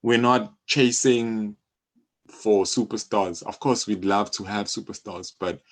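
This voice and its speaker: In a relaxed interview, a thirtysomething man with a South African accent talks informally about his job as a music publisher, peppering his speech with "you know". His pitch is fairly low, his tone level, and he never hurries.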